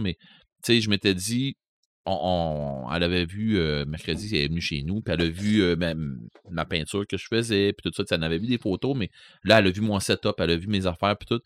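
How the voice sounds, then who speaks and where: Low-voiced Québécois man, rambling. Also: a bit bright, no room sound. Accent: Québécois French. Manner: rambling, many fillers and restarts. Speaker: podcast co-host. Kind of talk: casual chat.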